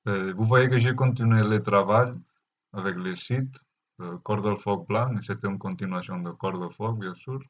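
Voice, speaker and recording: A man with a foreign Spanish or Catalan accent, speaking halting non-native French as he gives an unscripted spiritual message, often searching for words. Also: on the low side. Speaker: spiritual teacher. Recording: dull, lo-fi muffled sound.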